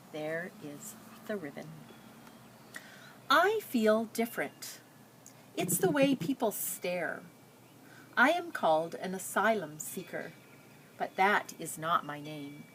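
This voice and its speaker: A woman with a fairly low voice reads a picture book aloud, telling the story and stopping for simple explanatory asides aimed at young listeners. There's a little hiss or hum in the recording.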